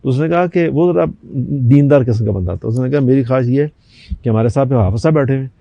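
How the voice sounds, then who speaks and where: This older guest from Pakistan has a gravelly, mid-range voice, and he shares a personal anecdote on a talk show, animatedly impersonating the people involved. There's no echo, but the highs are cut off.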